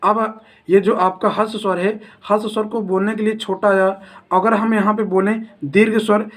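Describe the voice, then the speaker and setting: A man teaching a grammar lesson, who poses questions to his students and answers them himself, repeating each definition slowly. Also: high voice, level tone, fairly bright tone.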